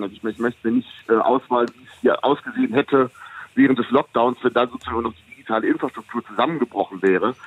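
A man, an economist guest, giving measured, explanatory interview answers with frequent hesitations. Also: medium pitch, no echo. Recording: tinny phone line, dry.

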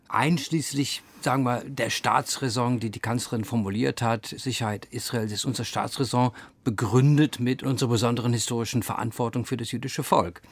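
A man's voice: medium pitch, no echo. An older man, raised in England, talks as a guest in a radio debate. He feels his way through his points and restarts sentences. The studio sound is dry and close. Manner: searching, restarts mid-sentence, measured. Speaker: panel guest. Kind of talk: radio discussion.

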